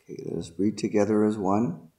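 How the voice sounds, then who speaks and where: A man leading a guided meditation and spiritual invocation in a deliberate, ceremonial manner, in short separated phrases. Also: on the low side, creaky, dark tone.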